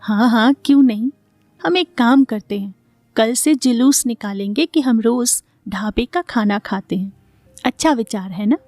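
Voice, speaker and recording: A woman's voice: on the high side, unhurried, darkish tone, no room sound, faint music behind, close to an everyday voice. A woman voicing a dramatic, scheming mother-in-law who talks theatrically and often sounds exasperated. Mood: proud.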